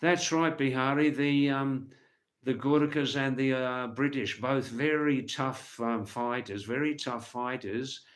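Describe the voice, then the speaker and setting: A man's voice: medium pitch, steady tone, unhurried. A man hosting a casual livestream, chatting to viewers in a rambling way and repeating words and phrases for emphasis. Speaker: livestream host.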